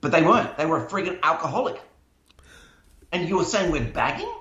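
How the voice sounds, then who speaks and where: A man's voice: fairly high pitch, lively intonation, fairly quick, fairly bright tone. A man chatting casually as a podcast co-host, informal and matey with blunt slang. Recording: echoey room, dull lo-fi sound.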